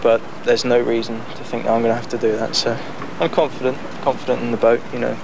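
A young man speaking casually in an interview outdoors on a boat deck, relaxed and chatty, with frequent fillers and laughs. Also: mid-range voice, quick pace, gravelly. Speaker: amateur boat builder. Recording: noisy outdoor 1990s news tape.

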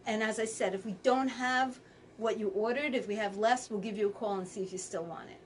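Chatty woman a bit high, quilt shop host, sounds kinda far from the mic, faint room hiss. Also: a little fast. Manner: chatty, reads out fabric color names. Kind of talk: casual live sale chat.

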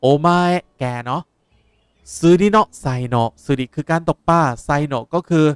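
Lively man teaching. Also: on the high side, normal speed, clean tone, no echo, clean studio sound. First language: Japanese. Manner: lively, explaining words with repetition. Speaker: Japanese language teacher. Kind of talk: game playthrough lesson.

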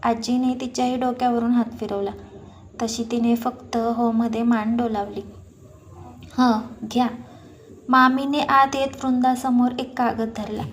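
A woman narrating a story in a calm, even storytelling manner. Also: a little high, moderate pace, a little hiss or hum.

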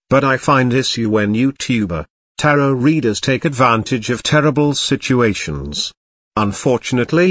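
A man narrating scripted commentary as host in a formal, deadpan way. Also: mid-range voice, no room sound, studio quality.

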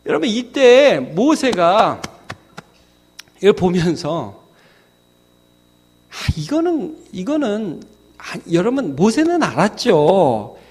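A man pastor giving a lively, conversational sermon at a midweek church service. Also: sits high, takes it slowly, long pauses, husky. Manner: animated, conversational preaching.

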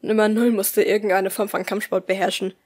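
A woman reading a first-person audiobook aloud in a soft, often hushed voice. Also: medium pitch, little pitch movement, fairly quick. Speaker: audiobook reader.

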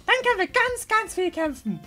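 A woman's voice: extremely high pitch, very animated, fairly quick, pushed and bright, soft background music, full character voice. A woman voicing an eager, battle-hungry teenage girl champion from a video game. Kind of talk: dubbing video game dialogue.

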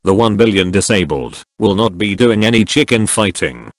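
A man narrating forum posts aloud in an even, unhurried reading delivery. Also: fairly low pitch, dry recording. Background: faint background music.

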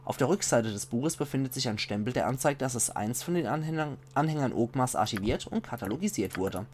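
Male Let's Play commentator, Palatinate German accent, mid-pitched, steady reading voice, faint hum behind. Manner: measured reading voice, slows for foreign titles. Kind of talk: reading game texts aloud with casual asides.

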